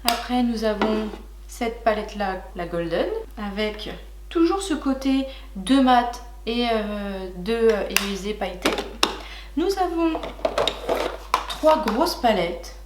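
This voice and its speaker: A woman's voice: medium pitch, lively intonation, slow, roomy sound, heavy background noise. Gushing woman on a haul vlog. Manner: chatty and gushing, many fillers, talks to viewers as "licornes". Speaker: beauty vlogger. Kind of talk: casual makeup haul chat.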